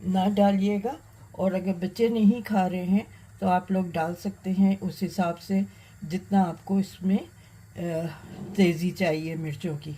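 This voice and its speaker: Slow-talking woman demonstrating a recipe. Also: on the low side, steady tone, mellow, breathy edge, rough recording. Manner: unhurried, talking while she cooks, many pauses and fillers. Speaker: cooking channel host. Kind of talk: cooking demonstration.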